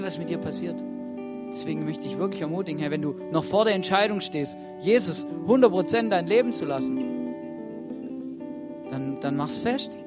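A man preaching a sermon from a church stage, earnest and urging, putting questions to the congregation and often starting with "hey". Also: on the high side. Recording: soft guitar music playing behind.

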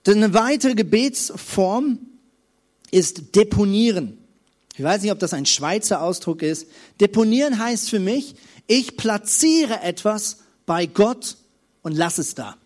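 A man preaching a sermon, emphatic, moving between loud passion and quiet, intimate moments. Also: high-pitched, animated, a little slow.

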